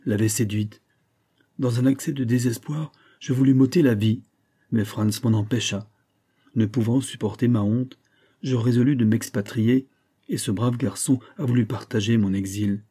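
A man's voice: mid-range voice, mellow, slightly rough, lightly acted. A man reading the part of a grieving old gunsmith who confides his sorrow in an emotional, storytelling way. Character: grieving old Genevan gunsmith, tender, despairing.

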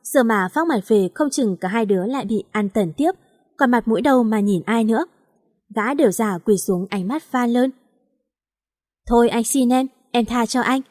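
A woman narrates a first-person story with lively energy, slipping into the characters' lines. Her voice sits a little high, and the close microphone leaves the sound dry and free of room echo. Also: moderate pace. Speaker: story reader.

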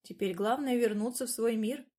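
A woman tells a first-person fantasy story as audiobook narration. Her delivery is lively, and she gives the narrator's asides an ironic edge. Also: on the high side, normal speed.

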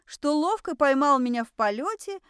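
A woman narrating a first-person audiobook in a lively, ironic storytelling manner. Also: sits high, moderate pace, no room sound, clean studio sound.

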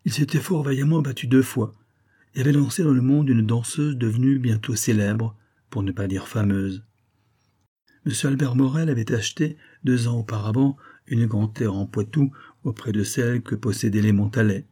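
A man narrating a classic novel in a measured storytelling manner. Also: mid-range voice, warm tone, husky. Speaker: audiobook narrator.

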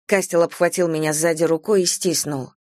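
A woman narrating a fantasy novel in the first person, in a measured storytelling manner. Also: sits low, fairly even intonation, a little mellow, no room sound, studio quality. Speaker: audiobook narrator. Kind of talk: scripted narration.

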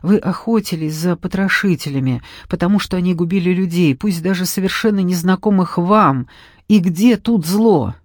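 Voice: medium pitch, normal speed, no echo, close to an everyday voice. Reader doing a young apprentice woman, pleading, earnest, dry close sound. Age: young adult. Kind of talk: audiobook reading.

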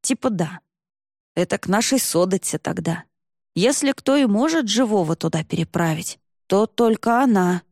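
A woman's voice: medium pitch, lively intonation, normal speed, darkish tone, no echo, clean studio sound. A woman voicing a cocky young man who talks in slang and mocks others. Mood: slangy mocking. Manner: slangy, mocking.

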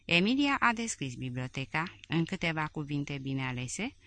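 A woman reading a memoir aloud in a measured, clearly articulated narration. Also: deep voice, big pitch swings, sharp tone. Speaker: audiobook reader.

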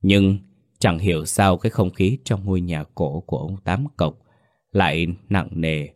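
Deep-voiced man telling a ghost story. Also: fairly even intonation, a little mellow, dry recording. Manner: measured, suspenseful storytelling. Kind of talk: scripted horror-story narration. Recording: dry voice with faint music under it.

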